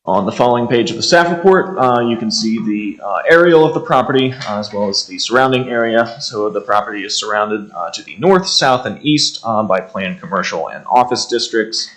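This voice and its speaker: A man's voice: lowish voice, lively intonation, a little fast, hardly any pauses, fairly bright tone, rough recording. An American man formally presenting a staff report, methodically reading out details with frequent hesitations. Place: indoor township meeting room.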